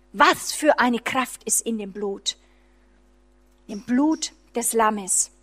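A woman preaching a charismatic sermon, fervent and unscripted, swinging between loud emphatic lines and hushed low ones, with many restarts. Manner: frequent restarts and fillers while preaching freely; acts out voices of the enemy and a distressed believer.

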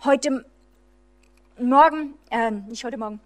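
A woman preaching a charismatic sermon, fervent and unscripted, swinging between loud emphatic lines and hushed low ones, with many restarts. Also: takes it slowly. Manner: frequent restarts and fillers while preaching freely; acts out voices of the enemy and a distressed believer.

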